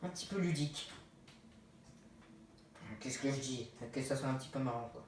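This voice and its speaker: A man's voice: mid-range voice, normal speed. A man giving casual, rambling commentary on his own game, often correcting himself as he talks, recorded on a phone filming the screen in a room. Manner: rambling, self-correcting, chatty. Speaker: let's play gamer. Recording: roomy distant phone recording, faint hiss.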